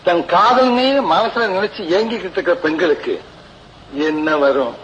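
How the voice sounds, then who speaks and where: High-voiced playful film hero. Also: male voice, very animated, moderate pace, highs cut off, over a noisy crowd. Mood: playful, teasing. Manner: teasing, conversational. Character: playful, teasing film hero bantering about love. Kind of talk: film dialogue.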